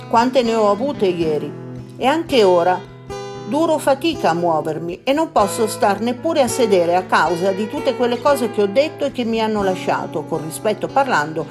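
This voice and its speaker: A woman narrating a children's storybook in an expressive, mock-earnest diary voice. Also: medium pitch. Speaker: audiobook narrator. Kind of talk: storybook reading in a boy's diary voice. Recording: guitar music behind voice.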